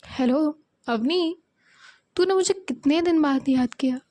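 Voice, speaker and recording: A caring young best friend with a high voice who speaks frankly and coaxingly, read by a woman narrator. Her tone is mellow rather than bright. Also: a little slow, no echo. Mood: concerned. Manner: coaxing, advising.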